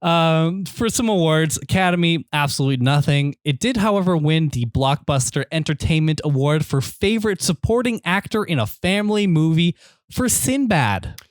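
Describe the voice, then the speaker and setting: A man's voice: on the high side, lively intonation, normal speed, dry recording. A young man hosting a podcast, chatting casually and profanely and reading out reviews. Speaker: podcast host. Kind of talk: casual chat.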